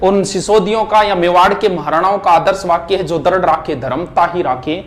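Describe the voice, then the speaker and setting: A man teaching a history revision lesson at a board, reciting names and facts in quick lists. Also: high voice, a little hiss or hum. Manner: rapid, list-like recitation. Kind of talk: fast exam revision lecture at a board. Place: classroom with board.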